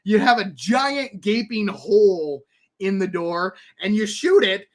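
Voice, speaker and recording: A man hosting a live stream, reading game patch notes and rambling through them with lots of fillers, restarts and excited asides. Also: high-pitched, takes it slowly. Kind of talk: casual commentary.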